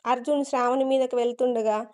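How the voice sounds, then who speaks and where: A woman narrates a dramatic story, expressive and steady. Her voice sits high and rings clear and smooth. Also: a little fast.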